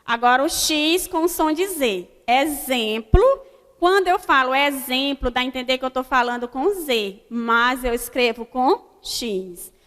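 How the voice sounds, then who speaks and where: A Brazilian woman teaching grammar to young pupils in a high, bright voice. She pronounces example words slowly and deliberately, checking in often with the class. Her voice trails in a long, echoing hall. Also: lively intonation. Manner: slow, deliberate word-by-word dictation with frequent "né?" checks. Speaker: primary school teacher. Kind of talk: recorded online grammar lesson.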